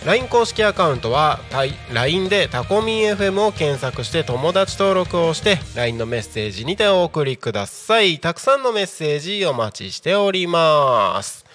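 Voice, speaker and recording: A man in his thirties hosting a live community radio show from a small studio, with an upbeat announcer delivery that slips into relaxed, chatty asides. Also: fairly high pitch, normal speed, soft background music. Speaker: radio host.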